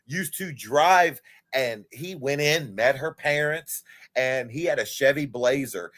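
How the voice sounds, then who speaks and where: A man in his forties, a guest on a livestream, chatting casually and telling stories in a candid way, swearing freely. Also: medium pitch. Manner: animated, candid storyteller who swears freely.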